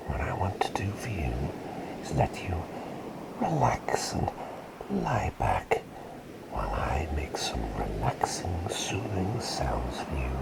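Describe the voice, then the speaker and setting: A man with a very deep, exaggerated voice plays a gentle, attentive plague doctor in an ASMR roleplay, speaking in a breathy, soothing whisper that is politely formal and a bit hesitant. He sounds softly eager, with heavy background noise behind him.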